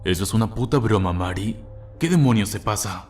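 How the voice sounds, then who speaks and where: A man's voice: on the low side, lively intonation, brisk, faint music behind, lightly acted. A man reading a sneering, menacing stepfather. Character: cruel violent stepfather, adult man.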